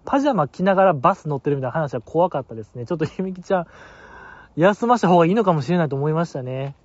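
A man's voice: fairly high pitch, animated, very fast, no echo. A man with a Kansai accent hosting a casual solo talk show, rambling and chuckling through listener mail. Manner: rambling, chuckling, many fillers. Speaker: radio host reading listener mail. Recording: dull lo-fi dry recording.

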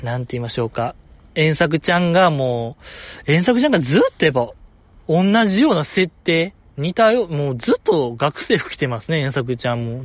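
Solo podcast host, male, highish voice, dry dull recording. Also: no room sound. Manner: rambling, animated, with frequent laughs. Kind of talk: casual solo chat.

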